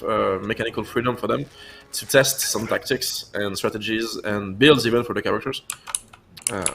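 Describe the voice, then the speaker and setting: A man's voice: mid-range voice, vocal fry, a bit bright. A man chatting on a livestream as a game developer, explaining in a conversational way. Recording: faint background noise, game sound behind.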